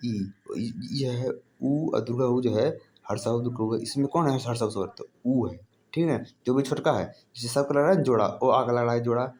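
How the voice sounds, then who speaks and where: At a normal speed and in a mid-range voice with a darkish tone, a man explains Hindi grammar informally, as if in class. He often repeats things, asks and answers his own questions, and speaks to his audience as brother.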